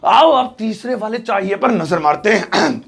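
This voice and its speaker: A man teaching in a classroom, speaking. His voice sits high and carries a gravelly fry. He talks in a joking, lively way and acts out everyday examples for his students. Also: measured pace, soft background music. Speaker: English teacher. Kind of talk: classroom lesson.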